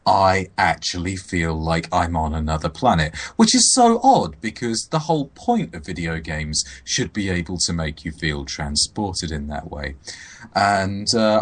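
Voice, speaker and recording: A man, co-hosting a casual podcast chat with dry, sardonic riffs. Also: low voice. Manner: wry, sardonic riffing. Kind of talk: casual chat about games.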